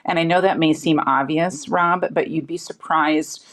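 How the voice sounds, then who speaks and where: A woman's voice: low-pitched, steady tone, measured pace. A woman guest on a podcast, confidently explaining her advice with worked examples. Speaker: guest panelist. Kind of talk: conversational interview answer.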